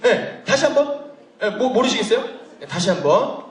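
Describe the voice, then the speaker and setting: A man hosting a live event, bouncing around in pitch and teasing the audience as he coaxes them along. His high voice rings through a large, echoey conference hall. It reaches the mic from some distance away. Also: very animated, moderate pace. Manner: playful, jokey, coaxing the crowd. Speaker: event host warming up the audience. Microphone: handheld mic heard from a distance.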